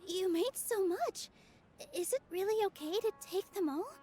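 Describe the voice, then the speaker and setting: A woman voicing a gentle young woman in a game, soft-spoken, sweet and a little bashful. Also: very high voice, animated, normal speed. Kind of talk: game voice acting. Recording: game audio with soft background music.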